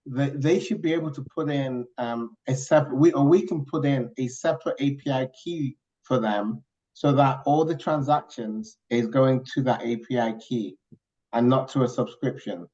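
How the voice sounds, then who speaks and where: Client on a video call, mid-pitched man, steady and explanatory, dull audio. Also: moderate pace. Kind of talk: video call work meeting.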